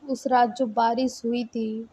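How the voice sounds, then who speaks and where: A woman's voice: fairly high pitch, flat delivery, slow, warm tone, slight background noise. A woman retelling a story in a casual, conversational way, full of small fillers. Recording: dull lo-fi recording.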